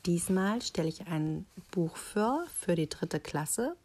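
A woman reading a children's picture book aloud, with calm, deliberate storytelling. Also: fairly low pitch.

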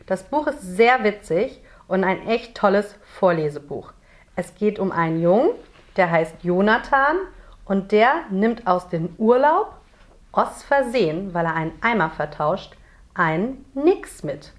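A woman's voice: medium pitch, lively intonation, measured pace. A woman teacher from Hamburg presenting and reading a children's book aloud, telling the story expressively for young pupils. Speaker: primary school teacher.

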